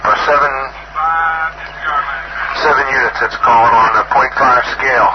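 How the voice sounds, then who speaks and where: A man's voice: mid-range voice, fairly even intonation, normal speed. An American man, a military officer, giving matter-of-fact instructions and field notes into a handheld dictaphone. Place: outdoors in a forest. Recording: muffled, very noisy old dictaphone tape.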